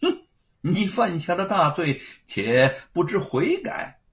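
A man voicing a cruel, arrogant old official who speaks in a slow, gloating, menacing drawl. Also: sits high, wildly swooping pitch, fairly bright tone, full character voice. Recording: dull lo-fi recording.

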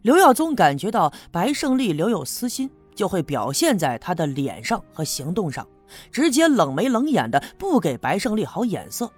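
Animated man narrating a serialized story. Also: sits high, normal speed, breathy edge. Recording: faint background music.

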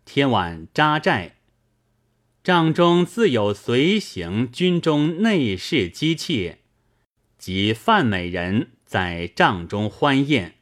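A man reading a classic novel aloud as an audiobook narrator, in a measured, expressive storytelling manner. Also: medium pitch.

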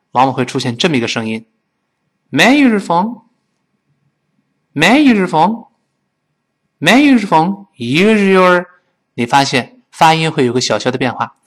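A man teaching spoken English, drilling phrases slowly and then fast. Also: medium pitch. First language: Chinese.

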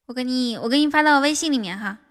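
A woman's voice: high voice, fast, fairly bright tone. A woman hosting a casual livestream, chatting with viewers in a playful, coaxing way. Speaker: livestream host. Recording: music playing behind the voice.

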